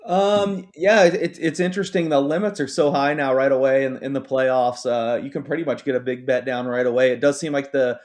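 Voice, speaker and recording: A man's voice: mid-range voice, steady tone, brisk, hardly any pauses, a little mellow. A man talking sports betting on a talk show, hesitant, with many ums and repeated words.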